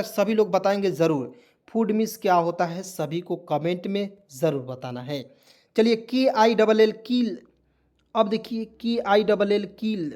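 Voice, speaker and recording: A man's voice: high voice, a little mellow. A man teaching English vocabulary. He keeps asking his viewers what each word means and then repeats the answer. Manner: drills words, repeats questions to viewers. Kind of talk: lesson.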